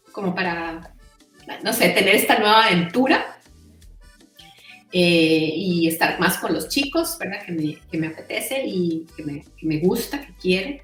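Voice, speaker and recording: A woman's voice: mid-range voice, a bit bright, roomy sound, distant mic. A middle-aged Costa Rican woman talking as an interview guest in a chatty way, full of "o sea" and "¿verdad?". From Costa Rica. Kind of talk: casual conversational interview.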